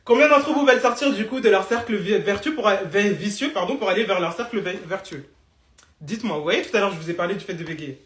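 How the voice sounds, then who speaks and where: A woman's voice: medium pitch, expressive, fast talker, echoey room. A woman coaching beauty entrepreneurs in a live stream, blunt and teasing, tossing in English phrases.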